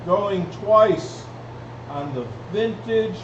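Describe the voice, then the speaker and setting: A man's voice: high-pitched, expressive, very slow. A man working as an auctioneer, calling bids repetitively and addressing the bidders in a live online auction. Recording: roomy, distant mic, dull, clearly noisy.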